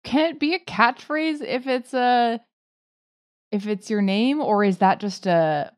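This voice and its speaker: A woman who produces and co-hosts a casual podcast, asking questions in an unhurried way. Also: a little high. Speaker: executive producer and co-host.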